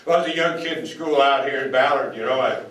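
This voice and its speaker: A man's voice: mid-range voice, fast talker, a bit bright. Older man telling folksy stories in echoey hall. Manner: folksy, anecdotal, quotes others in voices. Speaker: speaker. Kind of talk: storytelling speech. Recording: echoey hall, mic at a distance.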